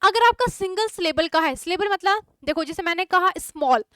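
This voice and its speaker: A woman's voice: very high-pitched, lively intonation, a little fast, a bit bright, no room sound, studio quality. A young woman with an Indian English accent teaching an online exam-prep lesson, chatty and quizzing her students. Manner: chatty, mixes Hindi and English, asks students questions.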